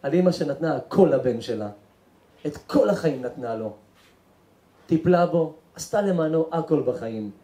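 A high-pitched rabbi with a mellow tone tells a dramatic story in a sermon. He acts out each character, sometimes hushed and sometimes shouting, in an echoey room. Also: lively intonation. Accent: Israeli Hebrew. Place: synagogue or event hall.

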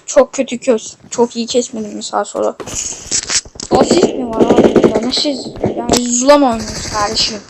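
A woman giving casual commentary while playing a mobile shooter game, excitable with loud outbursts and playful swearing, on a phone mic. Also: a little high, moderate pace, heavy background noise.

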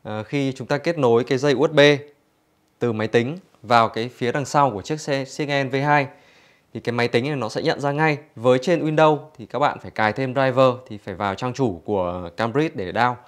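A man's voice: medium pitch, a little fast. A man giving an infomercial-like product demonstration for a store, explaining conversationally to customers.

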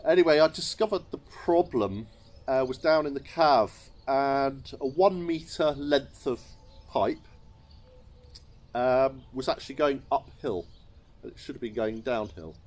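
Seated in a sunlit garden courtyard, a middle-aged English chateau owner speaks to camera a little slowly at medium pitch. He relates his tale wryly and with understatement, laughing softly at his own mishaps.

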